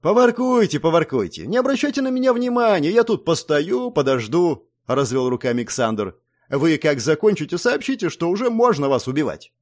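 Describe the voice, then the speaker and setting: A man's voice: a little high, sing-song, moderate pace. Brief: a man doing a mocking adult cowboy villain, sneering and sing-song, storybook reading. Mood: taunting. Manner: taunting, sneering.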